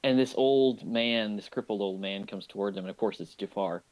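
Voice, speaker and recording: A man co-hosting a movie podcast, chatting casually and enthusiastically about an animated film, often restarting his sentences. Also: fairly low pitch, moderate pace, rough recording. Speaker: podcast co-host.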